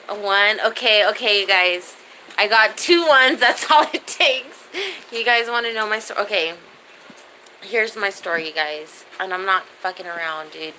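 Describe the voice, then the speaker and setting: Her mid-range voice has a sharp tone as she casually chats with livestream viewers, reading their comments and talking directly to them. She's in her thirties and speaks in slangy, profane terms. The recording is rough, with faint background noise.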